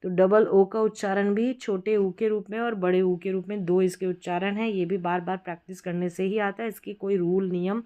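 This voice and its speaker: A woman gives an unhurried spelling lesson, sounding out each word. She often repeats a word and asks it back to her viewers. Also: lowish voice, narrow, tinny audio. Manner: repeats words slowly and asks questions back. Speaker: English spelling teacher. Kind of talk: explanatory classroom lesson.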